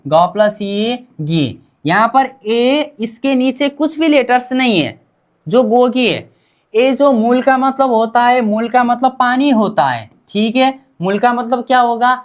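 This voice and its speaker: A fairly high-pitched woman takes a class through a language lesson. She drills each sound slowly, asks her own questions and answers them in the same breath. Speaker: Korean language teacher.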